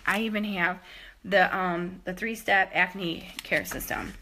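A woman's voice: lowish voice, steady tone, slow, background noise. A woman in her thirties giving a rambling, enthusiastic home tour of her products, a little out of breath as she walks around her bathroom, recorded on a phone at arm's length. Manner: chatty, rambling, enthusiastic, many fillers. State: a bit out of breath while moving. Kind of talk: casual chat. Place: home bathroom and closet, indoors. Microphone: phone held at arm's length.

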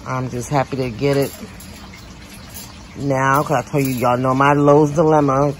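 Unhurried and very deep-voiced, this home renovation vlogger walks her viewers through her backyard garden and patio. She talks right to them in a chatty way, full of lively exclamations, filming on a handheld phone with outdoor sounds in the background.

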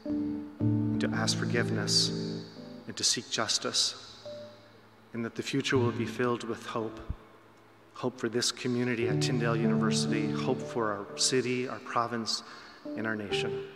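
Man, pulpit microphone, solemn measured prayer, flat even delivery, loud guitar behind. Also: mid-range voice. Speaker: prayer leader. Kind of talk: spoken congregational prayer. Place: chapel. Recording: echoey chapel hall with loud guitar.

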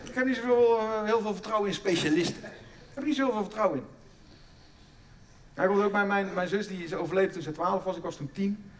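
A middle-aged man doing a stand-up comedy routine on a theatre stage, stammering through restarts and breaking into loud bursts of mock outrage. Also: high-pitched, brisk, distant mic, a little hiss or hum.

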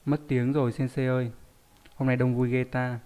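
A man's voice: mid-range voice, little pitch movement, moderate pace, mellow, smooth. A man teaching a live online lesson, reading out viewer names and explaining word readings with frequent rhetorical questions. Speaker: Japanese teacher.

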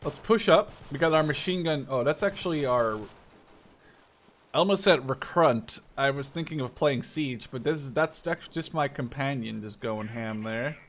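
This man, a gaming video creator in his twenties, talks at a moderate pace in a medium-pitched, fairly bright voice. His casual gameplay commentary rambles, breaks off mid-sentence and is peppered with swearing, and he comes from either Canada or the Netherlands.

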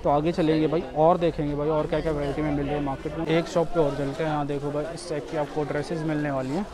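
Outdoors in a street market, a man vlogs a casual tour, often repeating himself and calling viewers "brother." His voice sits on the high side with little pitch movement, and he talks quickly over crowd chatter. He's the vlogger and host.

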